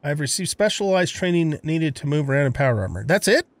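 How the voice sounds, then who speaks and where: A man's voice: a little high, very animated, fast talker, dry recording. A man giving casual gameplay commentary, musing aloud in a rambling way. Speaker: gamer narrating a let's play.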